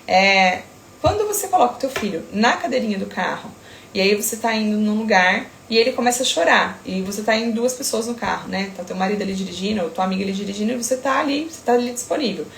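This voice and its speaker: Sleep-consultant woman, thirties, firm and emphatic, slightly gravelly, roomy sound. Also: mid-range voice, animated, a little hiss or hum. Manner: firm, emphatic, talks in quick asides. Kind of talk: casual talk to camera.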